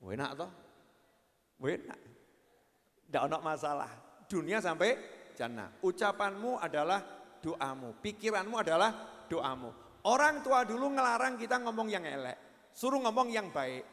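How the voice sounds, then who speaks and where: Javanese-accented male preacher with a high voice, jokey and engaging with the crowd, heard with long hall reverb. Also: big pitch swings, a little slow, long pauses, a bit bright. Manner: humorous storytelling, questions to the crowd. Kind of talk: sermon. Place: religious gathering.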